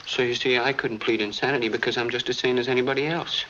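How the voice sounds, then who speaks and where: An actor playing a meek, bewildered prisoner, speaking hesitantly and naively in a muffled old film. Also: male voice, medium pitch, steady tone, fast, lightly acted. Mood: earnest, hesitant. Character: meek, earnest, bewildered condemned male prisoner. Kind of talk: 1940s film acting. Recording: muffled, noisy 1940 film soundtrack.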